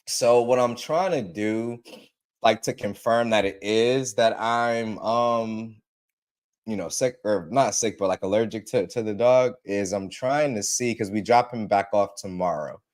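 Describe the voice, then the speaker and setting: On a casual tech livestream, the male host talks in a voice on the low side with a slightly mellow quality. His allergies make him a little congested, and he keeps repeating himself while welcoming viewers by name.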